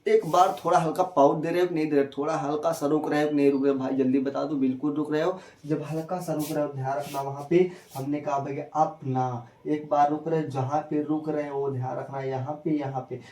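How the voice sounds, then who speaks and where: A man teaching a spelling lesson in a fairly high, mellow voice. He repeats each step and keeps quizzing his viewers with quick questions. His voice sounds echoey and a little far from the mic. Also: level tone. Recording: echoey room, voice from a distance.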